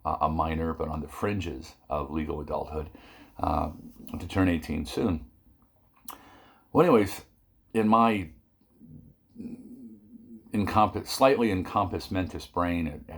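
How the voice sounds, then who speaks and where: A man's voice: rumbling low, vocal fry, breathy edge. An older man telling a rambling personal story in a casual vlog, with many fillers and asides.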